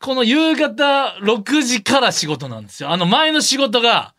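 A man with a Kansai accent co-hosting a comedy radio podcast in a studio, firing off sharp, teasing retorts. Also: extremely high pitch, sing-song, moderate pace. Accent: Kansai Japanese. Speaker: comedy duo radio host. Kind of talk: comic banter on a radio podcast.

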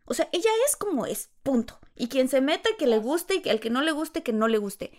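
A Mexican woman talks casually about her own life, telling stories in an animated, self-reflective way. Her voice sits a little high for a woman, and she shifts easily between anecdote and reflection. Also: moderate pace. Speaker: actress sharing her experience. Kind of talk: casual conversation.

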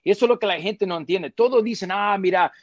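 Man, football pundit, fillers, emphatic, slightly high voice, dry studio sound. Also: fast, darkish tone, no room sound, highs cut off. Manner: emphatic, repeats points, mixes English fillers like "so" and "yeah". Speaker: football pundit, former player. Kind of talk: studio sports panel discussion.

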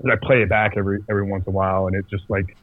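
A man telling a personal story as a podcast guest in a casual, halting way, full of restarts and fillers. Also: low-pitched, little pitch movement, dry recording. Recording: tinny phone-like dry sound.

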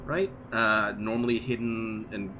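Rambling low-voiced male game master. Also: fairly even intonation, a little slow, noisy background. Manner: rambling, many fillers like "like" and "you know". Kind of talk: narrating a tabletop game. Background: background music.

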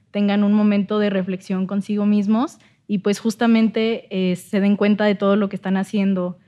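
A young woman talks gently and encouragingly as a podcast guest. Her voice is mellow and dark, and her pitch barely moves. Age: young adult. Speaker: psychology student guest. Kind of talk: casual podcast conversation.

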